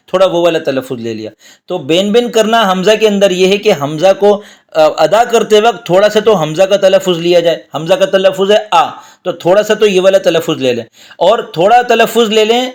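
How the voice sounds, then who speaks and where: Man, high-pitched, patient step-by-step lesson, teacher. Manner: patient, repeats and simplifies points step by step. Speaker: teacher of Quranic commentary. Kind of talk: explanatory lesson.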